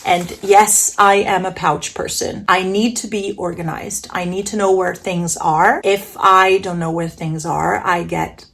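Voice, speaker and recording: A woman's voice: on the low side, fairly even intonation, a little slow, vocal fry, hardly any pauses, a bit bright. A woman narrating a casual packing vlog in a chatty, enthusiastic way, with playful self-aware humor. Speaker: vlogger.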